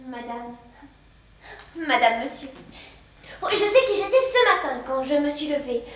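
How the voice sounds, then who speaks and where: A woman's voice: high voice, lively intonation, measured pace. A woman playing a polite, earnest young girl in a children's stage play, easily flustered. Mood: polite, puzzled. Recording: echoey stage from far off.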